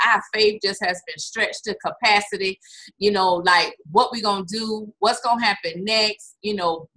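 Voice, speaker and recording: Bright, enthusiastic woman host. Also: medium pitch, rough recording. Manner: enthusiastic, emphatic. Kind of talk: hosting an online interview.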